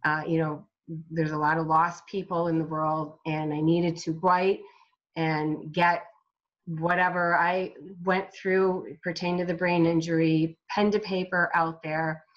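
This self-published author, a woman guest recovering from a brain injury, gives a slow, halting personal testimony in an interview. Her low voice stays level on a muffled recording, broken by frequent restarts and fillers.

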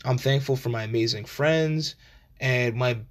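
Man in his twenties, medium pitch, casual rambling podcast host, meandering informal asides. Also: a little slow. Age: 20s. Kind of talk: casual rambling solo chat.

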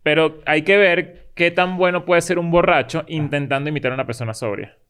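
A man's voice: on the high side, fairly bright tone, clear, resonant tone. A man co-hosting a casual podcast chat, easygoing and agreeable. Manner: easygoing, agreeable, quick to say "claro". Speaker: podcast co-host.

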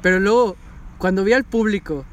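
A man, recapping a show with loud, animated enthusiasm. He talks casually and swears freely as the excitement builds. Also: high-pitched, moderate pace. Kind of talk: casual chat recapping an anime.

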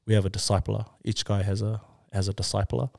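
A man's voice: lowish voice, flat delivery, brisk, vocal fry, a little mellow, no room sound, clean studio sound. A man with a broad New Zealand accent telling a candid personal story in casual, slangy talk. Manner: slangy, often tagging sentences with "bro" and "eh". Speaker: interview guest.

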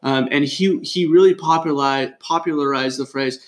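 A young man from California chats on a sports podcast. His voice sits slightly high, and he leans into stories with frequent fillers. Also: moderate pace. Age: young adult. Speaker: podcast co-host. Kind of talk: casual sports chat.

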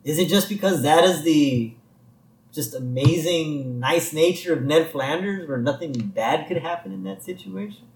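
A man with a somewhat high voice co-hosts a podcast, casually recapping a cartoon episode. He thinks out loud and poses questions. The room sound is echoey. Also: normal speed. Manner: muses aloud and asks questions about the plot. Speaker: podcast co-host.

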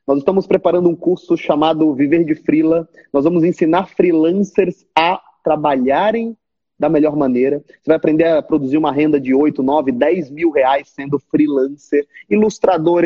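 A Brazilian man who runs an online course, talking to his subscribers on a live stream in a lively, direct way. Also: a little high, slightly rough, muffled recording. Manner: animated, talks straight at viewers, mimics complaining students.

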